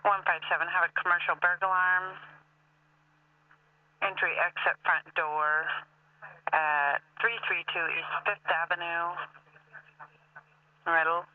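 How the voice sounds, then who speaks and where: A man working as an emergency dispatcher, heard over police radio and reading call signs and addresses in clipped, rapid bursts. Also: high voice, fairly even intonation, distant mic. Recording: tinny radio scanner audio from afar.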